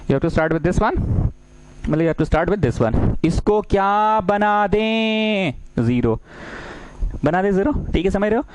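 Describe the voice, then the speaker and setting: A man with a high, clear, resonant voice teaches math in a lecture, and the audio quality is poor. He is playful, acts out little dialogues, and keeps asking his students questions.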